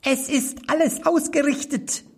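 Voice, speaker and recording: Squeaky little magic manikin. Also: male voice, fairly even intonation, a little slow. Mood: eager servant.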